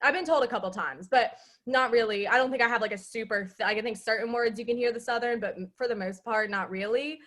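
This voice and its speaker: A woman's voice: on the high side, quick pace, a bit bright. A young woman in casual chat on a video call, animatedly telling a story about her mother. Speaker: student club member.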